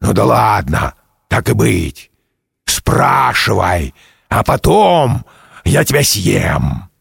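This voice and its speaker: A man voicing a hungry, treacherous male tiger in a storybook reading, with a gravelly growl and a slow menacing drawl. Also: fairly low pitch, big pitch swings, fairly bright tone, no room sound, studio quality, voice pushed down, full character voice. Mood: grumbling.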